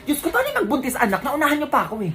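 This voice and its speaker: This skit creator, a woman with a Filipino accent, races through several characters in a high voice with huge swings in pitch. She scolds and exaggerates for laughs while music plays underneath.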